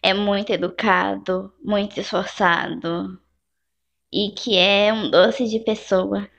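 A woman voicing a gentle, composed middle-aged mother in an amateur voice drama, speaking calmly and softly. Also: medium pitch, slow, vocal fry. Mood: kind. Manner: calm and soft-spoken.

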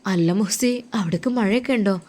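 A woman voicing a tender young husband far from home who gently consoles his crying wife in a told story. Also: mid-range voice, fairly quick, natural voice. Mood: soothing. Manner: gentle, coaxing, soothing. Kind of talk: storytelling role-play.

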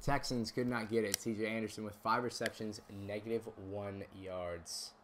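A man streaming a football video game, calling plays and chatting with viewers, bursting into shouted calls on big moments. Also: lowish voice, steady tone, normal speed, noisy background. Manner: chats with viewers between plays. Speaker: gaming streamer. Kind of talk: play-by-play game commentary.

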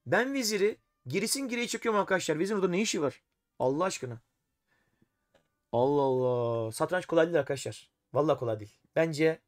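A man's voice: a little high, no room sound, clean studio sound. A man streaming a live chess game, thinking aloud and talking to his chat, often exasperated. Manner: talks to himself and chat while playing, exasperated.

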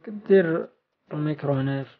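A man's voice: a little high, fairly quick. A man with a Moroccan accent, hosting a casual, off-the-cuff giveaway announcement vlog for his channel. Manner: informal, off-the-cuff. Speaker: video channel host. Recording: dull, lo-fi sound.

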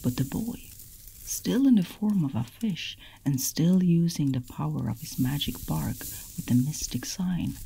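A woman telling a bedtime folk tale as a whispered role-play, in a soft, unvoiced whisper. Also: low-pitched, expressive, a little slow, vocal fry, slightly rough, low-quality recording. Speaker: ASMR storyteller.

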